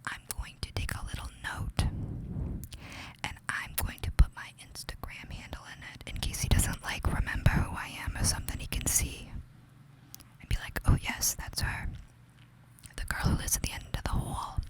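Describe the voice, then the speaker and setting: A woman's voice: moderate pace, poor audio. A young woman with a New York accent telling a gossipy, casual ASMR story in a whisper, confiding and chatty, often saying "like". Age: young adult. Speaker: ASMR creator.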